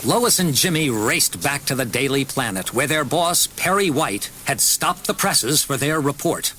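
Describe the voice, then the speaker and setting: A man narrating a children's storybook audiobook with an expressive, varied delivery. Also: mid-range voice, unhurried, a little hiss or hum.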